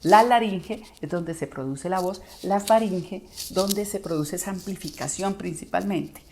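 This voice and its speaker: A woman's voice: lowish voice, a little slow, a little mellow, slight background noise. A woman voice coach explaining how the voice works in a video lesson, sometimes acting out listeners' reactions.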